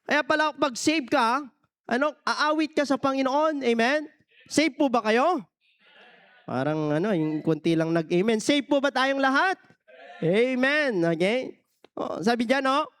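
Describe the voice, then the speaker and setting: A pastor from the Philippines preaches a sermon in a very high-pitched, expressive voice that is unhurried, a bit bright, clear, and resonant. He mixes English phrases into his talk and peppers every point with questions for the congregation to answer back.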